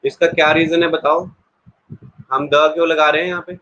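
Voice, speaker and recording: A man's voice: on the high side, flat delivery, moderate pace, bright, forceful tone, lo-fi sound. A man teaching an online exam-prep English class in a chatty way, explaining with everyday examples and talking straight to his students.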